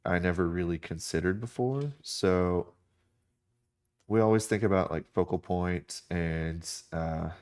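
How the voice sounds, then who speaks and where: A man's voice: low-pitched, a little slow, darkish tone. A man from the United States chatting casually on a drawing live stream, rambling with many fillers and restarts.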